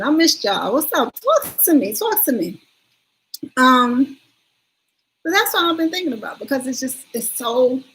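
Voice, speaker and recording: A woman's voice: a little high, a bit bright, low-quality recording. Chatty woman rambling on a livestream. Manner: rambling, chatty, addresses viewers directly. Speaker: livestream host. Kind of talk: casual livestream chat.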